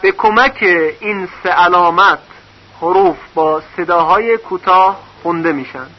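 Patient male teacher with a high voice, sounding out syllables slowly in a recorded lesson; muffled, lo-fi sound. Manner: patient, spells out syllables one by one. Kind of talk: recorded lesson on reading vowel marks. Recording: dull lo-fi recording.

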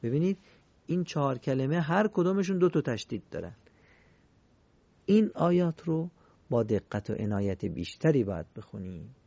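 A man teaching Quran recitation in a recorded lesson, explaining rules politely and chanting example words slowly and clearly. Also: medium pitch, sing-song, mellow, no room sound, muffled recording. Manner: polite, formal teaching phrases.

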